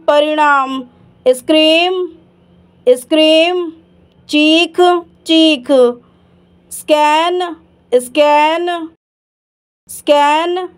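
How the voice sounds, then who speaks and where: Slow, high-voiced woman drilling word lists. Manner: slow, measured, repetitive word-by-word reading. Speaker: vocabulary teacher. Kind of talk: slow word-list drill, each word said twice.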